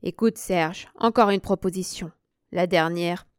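A woman's voice: on the low side, measured pace, no echo, clean studio sound, close to an everyday voice. A woman reading the part of an obsessive, grasping male landowner, insistent and pleading.

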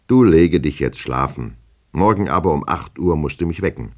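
A man's voice: a bass voice, lively intonation, normal speed, darkish tone. A man reading a fretful, fussy middle-aged clerk who speaks mildly and mutters to himself. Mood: coaxing. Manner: mild, coaxing, then muttering to himself.

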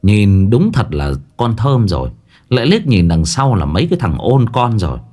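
Animated male ghost story narrator. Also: lowish voice, moderate pace. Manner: animated, dramatic.

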